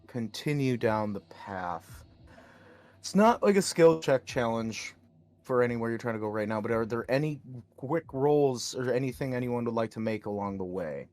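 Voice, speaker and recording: A man narrating a tabletop game as game master, measured, with dry sarcastic asides. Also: mid-range voice, darkish tone.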